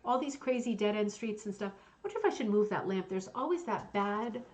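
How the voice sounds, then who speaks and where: A woman's voice: mid-range voice, lively intonation, fairly quick, a little mellow. Female bingo-caller host, mid-range voice, casual and enthusiastic, gushing between read-aloud passages and asides. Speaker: host of a hooked rug bingo show.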